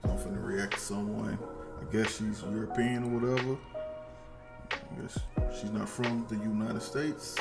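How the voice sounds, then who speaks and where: Low gravelly dude on a headset reacting to a vid, slangy and blunt, faint music behind. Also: male voice, level tone, moderate pace. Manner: blunt, slangy, talks back to the video. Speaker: reaction streamer. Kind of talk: casual reaction commentary.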